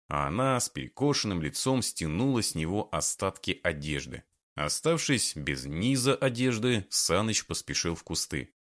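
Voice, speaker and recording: A man narrating an audiobook in a steady storytelling manner. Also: sits low. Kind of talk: scripted narration.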